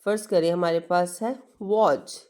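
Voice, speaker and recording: Slow, patient woman teaching English. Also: lowish voice, warm tone. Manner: patient, repeats questions and answers them herself; mixes Hindi-Urdu with English, calls students "beta". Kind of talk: classroom lesson explanation.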